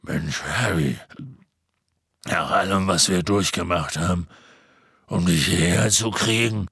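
A man voicing a gruff, burly half-giant who growls his words. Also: sits low, slow, a bit bright, no room sound, studio quality, voice pushed down, heavily acted. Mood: insistent.

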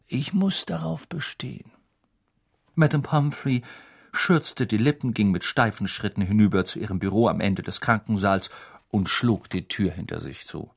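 A man narrating an audiobook in an expressive, lively storytelling style. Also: lowish voice, normal speed, vocal fry. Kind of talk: scripted narration.

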